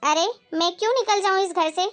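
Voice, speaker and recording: A level-headed young daughter-in-law, as a woman acts her out, calm and firm as she reasons and stands her ground. Her voice is high and bright, and her lines are steady. It comes across as a moral-story drama. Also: fairly quick.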